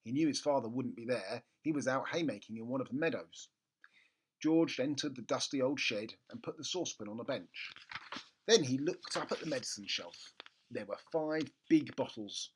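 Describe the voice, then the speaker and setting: Close to a pop-filtered studio mic in a living room, a man around forty reads a children's story with expression. His mid-range voice is slightly rough and at normal speed, though the audio quality is poor.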